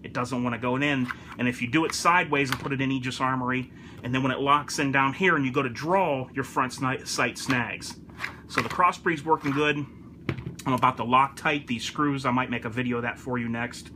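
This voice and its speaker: A gun enthusiast reviews a product casually to camera, speaking informally and repeating his points to drive them home. His mid-range voice keeps a steady tone at a fairly quick pace, with background noise behind him.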